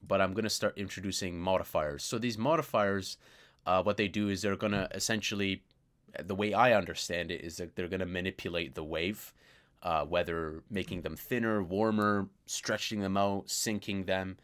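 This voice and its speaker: A man's voice: deep voice, fairly even intonation, moderate pace, fairly bright tone. A man casually walking through a synthesizer plugin, thinking aloud with plenty of fillers and trailing remarks. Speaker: music producer reviewing a synth plugin. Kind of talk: casual screen-recorded software walkthrough. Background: synth sounds playing.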